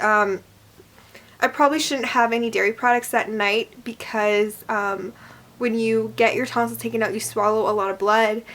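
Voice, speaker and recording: A young adult woman with a fairly high voice. She talks like a vlogger sharing a personal experience, casual and conversational. Her sentences ramble and often trail off loosely. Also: a bit bright. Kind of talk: casual personal storytelling to camera.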